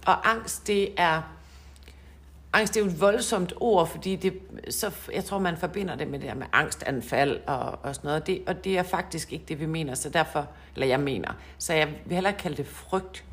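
A woman with a notably low voice, hosting a relaxed podcast chat. She is a coach and talks in a warm-hearted, rambling way, laughing and repeating words as she goes.

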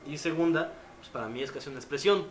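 A man's voice: a little high, quick pace. Young mexican man, slangy storyteller, roomy echo, faint hiss. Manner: storytelling, slangy, animated retellings. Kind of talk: casual chat.

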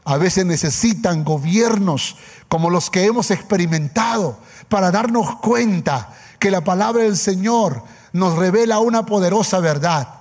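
High-voiced preacher in an echoing hall. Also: male voice, a little slow, darkish tone. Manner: emphatic, calls for amen, repeats phrases. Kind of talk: sermon. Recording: long hall reverb.

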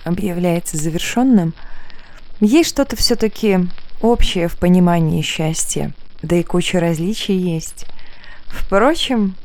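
A woman's voice: on the low side, darkish tone. A woman hosting a podcast in a playful, cheerful way, using affectionate slang. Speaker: podcast host.

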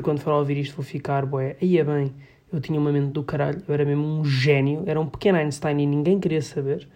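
A man's voice: fairly high pitch, warm tone. A young man with a European Portuguese accent, hosting a casual solo podcast, rambling and self-mocking in slangy talk. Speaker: podcast host. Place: at home.

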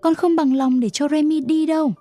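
A sickly, tearful little boy from an audiobook, played by a woman who pleads in a raised, higher voice. The tone stays warm and mellow. The recording is dry with faint music behind it. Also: steady tone, moderate pace, close to an everyday voice. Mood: pleading.

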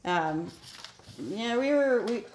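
A woman voicing a gruff male sailor fresh from port, with a weak put-on Scottish accent and halting, rambling speech. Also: a little high, lively intonation, darkish tone. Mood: spooked. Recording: echoey room with background noise.

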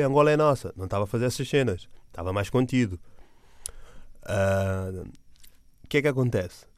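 A man's voice: medium pitch, a little mellow, no room sound, studio quality. A man with a European Portuguese accent, a comedian telling a rambling story in casual slang, full of restarts and fillers. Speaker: stand-up comedian.

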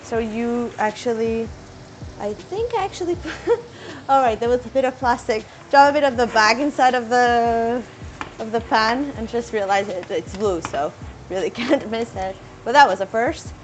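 Cooking in her home kitchen, a young vlogger with what she describes as a squeaky voice rambles casually, full of fillers and restarts, making a deliberate effort to speak slowly. A slight hiss or hum runs under the low-quality recording.

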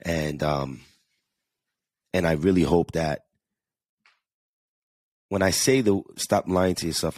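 A man's voice: a bass voice, a little mellow, no room sound. A man with a New York–New Jersey accent, hosting a casual solo podcast and talking earnestly, often repeating words as he goes. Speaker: podcast host.

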